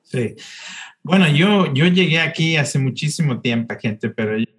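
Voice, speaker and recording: A man's voice: fairly high pitch, expressive, measured pace, fairly bright tone. A middle-aged man from Chile, a podcast guest telling his story in a chatty way, often restarting and repeating words. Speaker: podcast guest, city tourism promoter. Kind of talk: casual interview.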